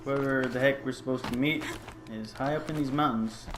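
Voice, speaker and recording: A man's voice: mid-range voice, fairly even intonation, normal speed. A man giving chatty, joking commentary while playing a video game. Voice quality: jokey, chatty, calls characters buddy. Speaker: let's play gamer. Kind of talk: casual gameplay commentary. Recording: echoey room with clear noise.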